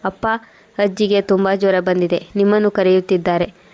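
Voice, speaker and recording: A woman's voice: medium pitch, flat delivery, moderate pace, warm tone, close to an everyday voice. Woman reading as an innocent little grandson. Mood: worried.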